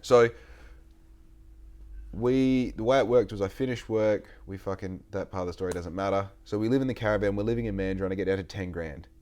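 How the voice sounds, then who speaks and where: Australian bloke, late 20s, podcast host; rambly, swears a lot, lowish voice. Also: male voice, brisk, a little mellow. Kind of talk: casual chat.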